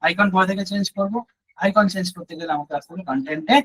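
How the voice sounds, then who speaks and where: Husky man teaching a live web class. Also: sits high, fast talker, a bit bright, low-quality recording. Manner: explains step by step, often checking in with listeners. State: slightly hoarse from long talking. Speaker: web design instructor. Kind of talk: live screen-share tutorial.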